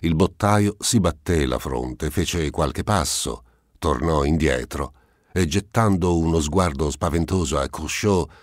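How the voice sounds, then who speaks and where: A man narrating a classic novel in a measured literary reading, recorded close to the mic. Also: very deep voice, dry recording. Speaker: audiobook narrator. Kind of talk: scripted narration.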